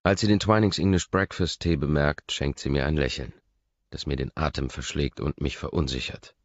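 A man reading a first-person audiobook narration in a measured, intimate, low-key manner. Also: no echo, muffled recording.

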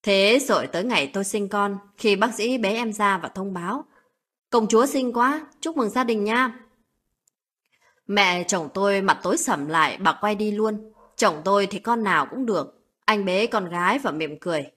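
A woman's voice: medium pitch, moderate pace, a bit bright, slightly rough. A woman narrating a first-person family story in a plaintive, sorrowful way.

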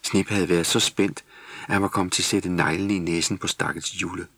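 A man narrating a Christmas children's story in steady, scripted storybook style. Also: sits low, no echo.

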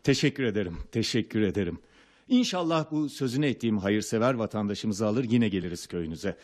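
An actor playing a gracious district governor in a radio play, speaking formally, like an official making a speech. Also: male voice, lowish voice, expressive, a little fast, darkish tone.

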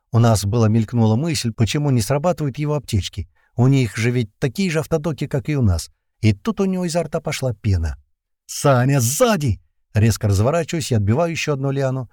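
A man's voice: medium pitch, no room sound, studio quality. Tense urgent male audiobook narrator. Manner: tense, urgent, shouts dialogue lines. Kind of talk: first-person audiobook narration.

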